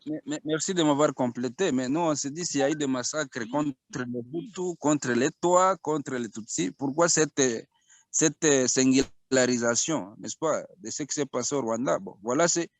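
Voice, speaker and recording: A man's voice: mid-range voice, normal speed, no echo. Earnest Congolese man, dry close sound. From Congo (DRC). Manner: earnest, argumentative, with restarts. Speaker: guest. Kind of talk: radio interview.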